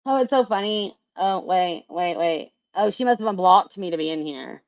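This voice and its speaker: A woman's voice: mid-range voice, lively intonation, normal speed, dry recording, muffled recording. A woman vlogger talking casually to her viewers, frustrated and rambling, swearing often and filling gaps with "like". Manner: frustrated, swears a lot, rambling with many fillers.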